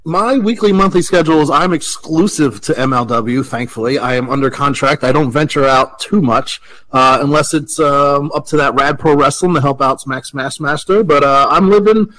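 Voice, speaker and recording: A man in his late thirties, a professional wrestler, talking in a relaxed, chatty way as an interview guest. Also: fairly high pitch, brisk, rough recording. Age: 30s. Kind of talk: casual interview talk.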